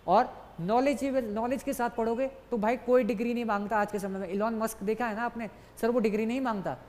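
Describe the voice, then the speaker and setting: A young man teaching an online exam-prep lecture, brisk and coaxing, repeating key points and calling his students "sir" constantly. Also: high voice, a little mellow. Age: young adult. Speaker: exam tutor. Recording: long reverb, as in a large hall.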